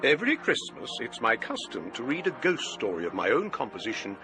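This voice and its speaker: A man playing a genial, older English provost who tells ghost stories in a courteous, measured, donnish way in a radio drama. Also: mid-range voice, huge pitch swings, noisy background. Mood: courteous, dry. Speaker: actor. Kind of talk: radio drama acting and storytelling.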